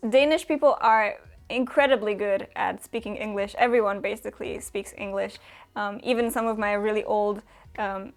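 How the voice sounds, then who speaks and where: A young woman from Romania chatting casually as a booktuber answering viewer questions, with lots of fillers and small laughs. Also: fairly high pitch. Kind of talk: casual chat.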